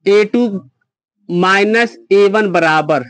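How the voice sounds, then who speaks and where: A man's voice: sits high, drawn-out words, crowd noise. A man teaching a math lesson to a class, explaining step by step and quizzing his students.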